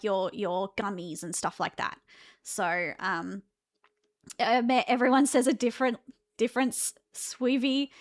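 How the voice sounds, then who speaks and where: A woman in her thirties with an Australian accent, talking to her live-stream chat in a relaxed, chatty way. Her voice sits a little high for a woman. She laughs a lot and often restarts her sentences mid-thought. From Victoria, Australia.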